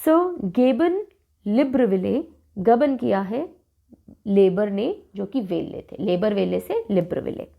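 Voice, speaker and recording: A woman teacher with a mid-range, very animated voice and a slow pace, touched with vocal fry, explains country capitals through playful, silly memory stories and acted lines. She mixes English and Hindi, and the recording sounds muffled.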